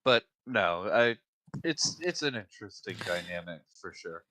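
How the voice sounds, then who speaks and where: Profane, animated male podcast co-host. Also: lowish voice, unhurried. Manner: profane, ranting and blunt. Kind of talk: casual chat.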